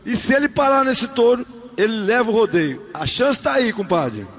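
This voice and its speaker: A man's voice: extremely high pitch, sing-song, moderate pace, a bit bright. A middle-aged man with a Brazilian accent analysing rodeo rides live, explaining emphatically in colloquial speech. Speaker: rodeo commentator, former rider. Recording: music behind live commentary. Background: music.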